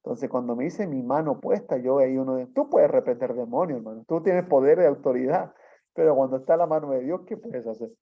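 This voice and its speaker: A man's voice: medium pitch, brisk. A man preaching a sermon, telling a testimony in a storytelling way and often adding tag questions. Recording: dull lo-fi sound.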